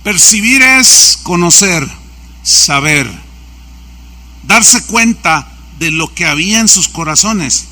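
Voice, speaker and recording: A man's voice: high-pitched, lively intonation, takes it slowly, sharp tone. A man preaching a sermon as pastor. He asks the congregation questions and acts out anecdotes. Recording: church service recording.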